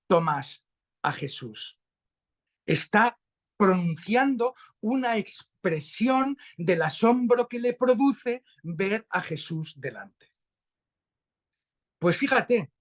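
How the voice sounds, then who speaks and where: Brief: man with an accent from Spain, unhurried, reflective conversational teacher, voice on the higher side. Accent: Spanish from Spain. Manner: slow, reflective, animated rises when stressing a point. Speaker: guest speaker.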